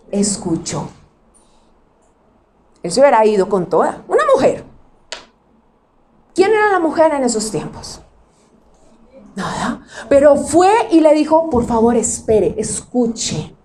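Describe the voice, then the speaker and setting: Lady pastor giving a sermon, high voice, chatty, keeps asking the crowd stuff. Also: sing-song, measured pace, long pauses, darkish tone, a little hiss or hum. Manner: conversational preaching, questions to the audience, acts out quotes.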